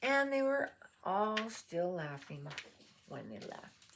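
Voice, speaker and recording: A woman's voice: mid-range voice, creaky, noisy background. A woman reading a children's picture book aloud, with chatty asides to her dog. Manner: slow, animated, chatty asides. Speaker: storybook reader.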